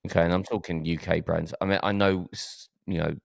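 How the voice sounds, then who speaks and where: Essex bloke hosting a podcast, deep voice, dry close sound, stumbles over words a bit. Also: male voice, fairly even intonation, fairly quick, creaky, no echo. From Essex, England. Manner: hesitant, repeats words. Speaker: podcast host. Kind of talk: casual chat.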